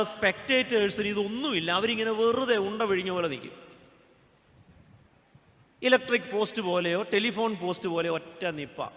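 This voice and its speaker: High bright-voiced joking male pastor. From Kerala, India. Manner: humorous, asks the congregation questions. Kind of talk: sermon. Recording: long church hall reverb.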